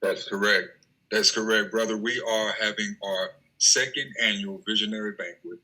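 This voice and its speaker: Guy guesting on a podcast, bright but kinda raspy voice, polite and careful. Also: fairly low pitch, fairly even intonation, low-quality recording. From Tennessee, US. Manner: polite, measured, explanatory. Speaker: interview guest, nonprofit co-founder. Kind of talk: casual interview chat.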